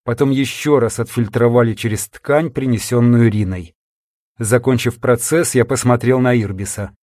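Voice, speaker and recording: A man narrating an audiobook in a steady, even reading voice. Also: mid-range voice, normal speed, no echo, clean studio sound.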